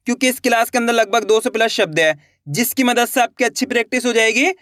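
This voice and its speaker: A man's voice: very high voice, fairly bright tone, no echo, clean studio sound. A man teaching an online reading lesson, patiently repeating each word and sounding it out syllable by syllable while encouraging his viewers. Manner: addresses viewers directly and encouragingly.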